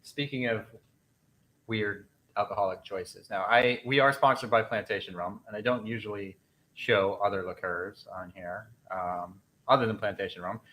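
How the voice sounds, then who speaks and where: A man's voice: fairly low pitch, steady tone, normal speed, fairly bright tone, low-quality recording. A man hosting a casual interview, teasing his guest with mock outrage. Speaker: host.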